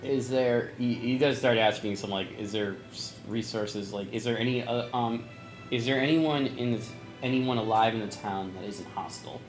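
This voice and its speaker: A man in casual role-play chat as a player, thinking aloud and asking halting questions in a joking way. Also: medium pitch, soft background music, rough recording. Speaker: tabletop game player.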